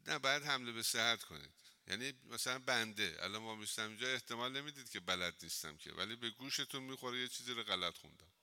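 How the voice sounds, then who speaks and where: A man's voice: mid-range voice, animated, bright, forceful tone. A man, a cleric, giving an informal religious lesson in a mosque, talking conversationally and telling humorous anecdotes.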